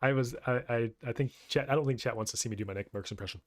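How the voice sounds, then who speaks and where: A man's voice: mid-range voice, racing. A man co-hosting a casual podcast who often stammers and restarts his words, talking to a live chat. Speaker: podcast co-host and streamer.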